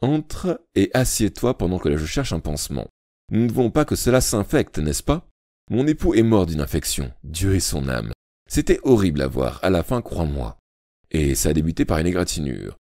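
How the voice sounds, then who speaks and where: A man's voice: deep voice, sing-song, brisk, mellow, no echo, clean studio sound. A man voicing a bossy, chatty older female school matron who rolls her Rs. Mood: fussing chatty.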